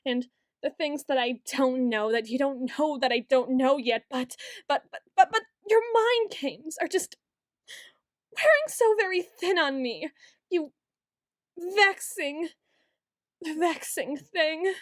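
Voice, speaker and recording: A woman's voice: high-pitched, takes it slowly, no room sound, clean studio sound. A woman playing a paranoid, obsessive young yandere student in an ASMR role-play, stammering, pleading and accusing as she repeats her words insistently. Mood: agitated, accusing. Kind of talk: ASMR role-play monologue, acted straight to the listener.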